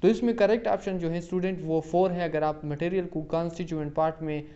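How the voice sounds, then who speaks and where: Male exam-prep lecturer, slightly higher voice, reads questions slowly, dull lo-fi recording. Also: fairly even intonation, warm tone. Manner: slow, deliberate reading of English options, quicker Hindi-Urdu explanations; addresses listeners as "student" often. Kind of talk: reading out and explaining exam questions.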